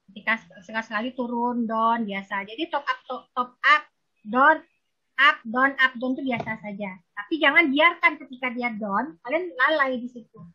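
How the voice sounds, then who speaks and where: A woman leads a marriage-counseling seminar over a video call, her voice high and bright. She talks in a lively, teasing way and keeps turning to address her listeners directly. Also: moderate pace, dull audio. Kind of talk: virtual seminar lecture.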